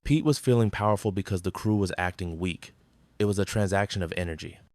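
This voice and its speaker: A man's voice: sits low, quick pace, a little mellow, no room sound. A man giving dramatic scripted narration in intense, punchy short phrases.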